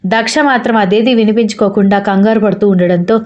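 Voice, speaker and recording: A woman narrates a romantic family story in a steady storytelling voice. She voices every character's lines herself without changing her voice. The recording sounds dull and lo-fi. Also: medium pitch, brisk. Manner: reads all characters' lines in her own voice.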